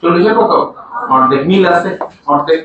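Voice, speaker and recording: A man's voice: on the high side, expressive, fairly quick, phone-quality sound. A man teaching a biology class, often asking his students to repeat answers back to him. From Bangladesh. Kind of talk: classroom lecture. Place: large classroom. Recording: echoey room from far off, noisy.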